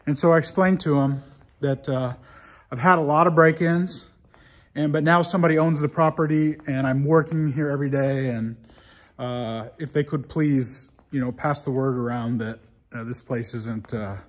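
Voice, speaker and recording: A man's voice: medium pitch, steady tone, normal speed. A man in his forties telling a story in a casual vlog, rambling and chatty with lots of fillers, filming himself with a phone at arm's length inside a big empty old factory. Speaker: vlogger renovating an old building. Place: large empty old factory floor, indoors. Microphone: phone held at arm's length.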